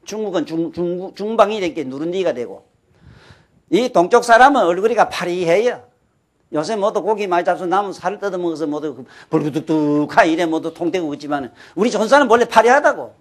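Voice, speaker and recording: A man's voice: sits high, expressive, a little fast. An older man with a Gyeongsang Korean accent giving a folksy lecture, often checking with his listeners and posing rhetorical questions. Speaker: folk-culture lecturer. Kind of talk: lecture to an audience.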